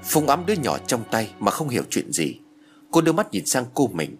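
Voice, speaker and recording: A man telling a horror story as scripted narration, in a measured, expressive way. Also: mid-range voice, soft background music.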